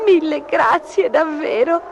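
A woman's voice: extremely high pitch, lively intonation, moderate pace, pitched above the performer's own voice. Storybook kitten, young male, timid and tearful, read by a woman, noisy background. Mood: grateful. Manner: pleading, tearful.

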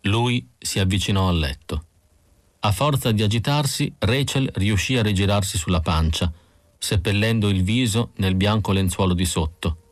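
A man narrating a novel as an audiobook reader, calm and even, in a studio. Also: on the low side, moderate pace, no room sound.

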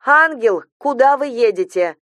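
A shrill, alarmed wife, as a female audiobook reader puts her on, firing off questions in a high, loud, pressing voice. The read is close and dry, with no room around it, like a storybook recording. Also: animated, no room sound. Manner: rapid demanding questions. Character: agitated wife questioning her husband, woman.

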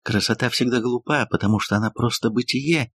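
A breathless, theatrical woman novelist gushes in exalted tones, as a male audiobook reader puts her on. The voice is husky and close, with no room around it at all. The delivery is even and measured despite the rapture. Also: medium pitch, dry recording. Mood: rapturous. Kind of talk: audiobook reading.

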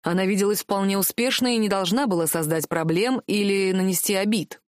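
A woman's voice: mid-range voice, a little fast, no echo, clean studio sound, lightly acted. Woman doing a cool, teasing prince. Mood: calm. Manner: calm, self-assured, mocking. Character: teasing, stubborn young male prince in love. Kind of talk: audiobook character voice.

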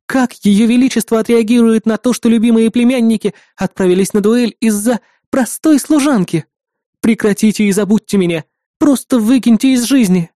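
A high, pleading young actress throwing herself into a melodramatic scene, voiced by a woman. The tone is mellow and soft-edged, recorded close and dry like a storybook reading. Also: moderate pace, dry recording, lightly acted. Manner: melodramatic, pleading stage delivery. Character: young actress playing a tearful heroine.

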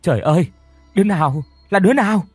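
A man puts on a frantic old grandmother who shrieks in a high, loud voice. Her wailing comes out husky and dry, over faint background music. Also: lively intonation, quick pace, no echo.

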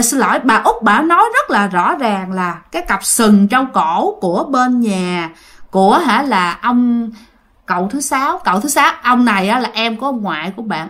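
A woman with a Southern Vietnamese accent chats her way through a ghost story, speaking directly to her listeners. Her voice is on the high side, animated and slightly bright, at a moderate pace.

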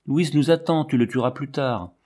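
A man's voice: mid-range voice, normal speed, dark tone, voice pushed up, natural voice. A man reading the part of a nervous young accomplice who talks in an urgent, coaxing way.

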